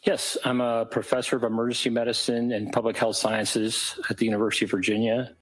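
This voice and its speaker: A man giving formal testimony in a courtroom as an expert witness, answering carefully and haltingly. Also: mid-range voice, little pitch movement, husky. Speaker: expert witness, psychiatrist and professor.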